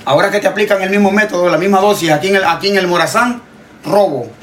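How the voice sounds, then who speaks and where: A Honduran man with a high voice rants in a casual, heated way, hammering his points through repetition and swearing without restraint. He sounds like a social media creator talking straight to his followers, with a faint hum of noise behind him. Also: very fast, fairly bright tone. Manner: emphatic, repetitive, swears freely. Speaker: TikTok creator.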